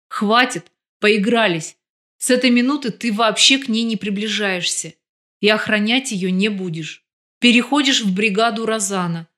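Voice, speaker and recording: A woman's voice: fairly high pitch, fairly bright tone. A woman voicing a menacing middle-aged male crime boss who hisses cold threats in an audiobook. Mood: contemptuous.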